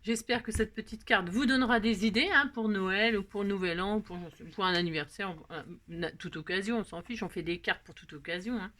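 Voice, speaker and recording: A woman's voice: medium pitch, fairly quick, few pauses, fairly bright tone. Rambling chatty woman crafting. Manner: rambling, self-mocking, talks to herself. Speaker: craft video host.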